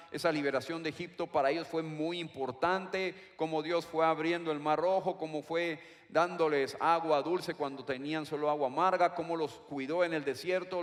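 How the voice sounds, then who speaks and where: A man preaching a sermon, slowly repeating and stressing key words. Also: fairly high pitch, fairly bright tone. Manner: slow, emphatic repetition of key words. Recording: long reverb of a large hall.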